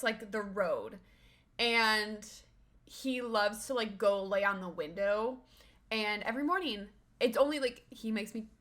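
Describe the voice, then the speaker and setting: A woman's voice: on the high side, fairly bright tone. A young woman chatting casually on a live stream from her room at home, rambling and cooing baby-talk at her dog. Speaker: livestreamer.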